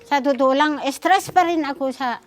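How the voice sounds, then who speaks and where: A woman's voice: sits high, normal speed. A woman, a mother, politely recounting family trouble and addressing her listener respectfully. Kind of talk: casual account.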